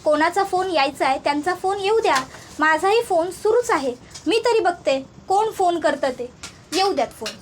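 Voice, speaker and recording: A woman's voice: very high voice, animated, normal speed, slight background noise. A woman reading the lines of a senior woman police inspector, commanding and firm.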